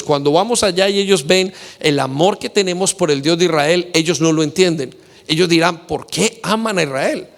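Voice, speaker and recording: A man's voice: high-pitched, a bit bright. A man preaching a sermon as pastor, quoting scripture and speaking directly to his listeners. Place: church hall. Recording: long hall reverb.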